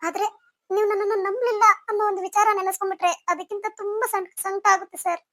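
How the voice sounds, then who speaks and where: A woman's voice: extremely high pitch, fairly even intonation, fast talker, fairly bright tone, no echo, clean studio sound. A woman voicing a young female student and wife in a cartoon, talking in an earnest, polite, reproachful way. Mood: hurt. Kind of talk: cartoon voice acting.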